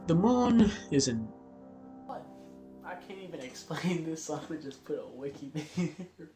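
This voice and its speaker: A YouTube host explains things casually in a slightly high, expressive voice at moderate speed. He's offhand and informal, occasionally tripping over his words, while music plays in an echoey space.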